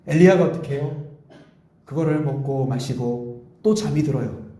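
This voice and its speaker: Korean pastor preaching in an echoey church. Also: male voice, mid-range voice, moderate pace. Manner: earnest, pleading, acts out God's gentle voice. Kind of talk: Sunday sermon. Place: church sanctuary.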